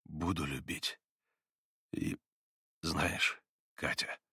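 A man reading the part of a desperate young man, speaking in halting phrases and pausing for breath. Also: rumbling low, steady tone, pushed and bright, slightly rough, no echo, studio quality, pitched below the performer's own voice, heavily acted. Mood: breathless, tender.

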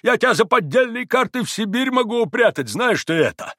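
A man's voice: very high-pitched, animated, brisk, sharp tone, no echo, clean studio sound, voice pushed up, exaggerated voice. A man reading an audiobook, voicing a shrewd old innkeeper who scolds bluntly. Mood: scornful accusing.

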